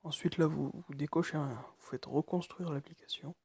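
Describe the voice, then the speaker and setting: Soft-spoken, hesitant young-sounding man. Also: a little high, fairly even intonation, gravelly, slightly rough, no echo. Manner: hesitant, halting, many fillers; speaking quietly late at night. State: nervous. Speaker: tutorial maker. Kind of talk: screen-recorded phone tutorial.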